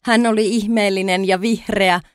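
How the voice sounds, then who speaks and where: A woman's voice: medium pitch, fairly even intonation, no echo, studio quality, lightly acted. A woman voicing a small, curious male fawn who exclaims with wonder in a storybook reading.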